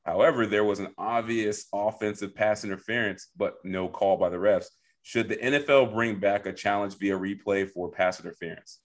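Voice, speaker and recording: A man's voice: lowish voice, steady tone, normal speed. A man hosting a sports podcast, moving the segments along in a playful, teasing way. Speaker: podcast host. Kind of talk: casual sports chat.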